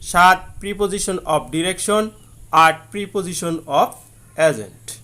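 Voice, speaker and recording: A man with a Bangladeshi accent teaches a grammar lesson in a fairly high voice. He talks slowly and deliberately, drawing out example sentences one word at a time. He asks his own questions and answers them, and he clears his throat often. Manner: frequent throat clearing and "ah" fillers. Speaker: English teacher. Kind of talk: explaining grammar lesson to students.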